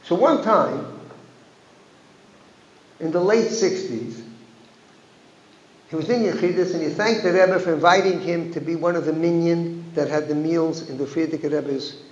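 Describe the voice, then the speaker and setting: High-voiced rabbi telling a story in an echoey hall. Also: male voice, a little slow, long pauses. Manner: anecdotal, with frequent restarts and Yiddish phrases. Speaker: rabbi, guest speaker. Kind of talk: storytelling talk at a community gathering. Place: synagogue hall. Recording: echoey hall, dull lo-fi sound.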